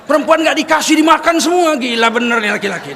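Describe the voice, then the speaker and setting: A man giving a lively, humorous sermon, telling stories with comic voices and asking the audience questions. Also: extremely high pitch, quick pace. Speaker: preacher. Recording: echoey hall with faint noise.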